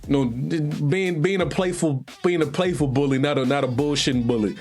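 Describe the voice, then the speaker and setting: A man's voice: a little high, brisk, a little mellow, soft background music. A young man from Virginia with a Southern accent, telling a profane, slangy story on a live stream and acting out what other people said. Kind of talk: casual storytelling.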